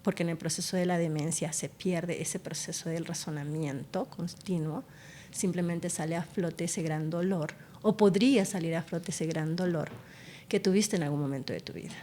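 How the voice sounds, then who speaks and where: A woman's voice: lowish voice, moderate pace, dark tone, slight background noise. Woman neurologist explaining in conversation. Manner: explanatory, tells patient stories expressively. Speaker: neurologist guest. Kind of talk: conversational interview.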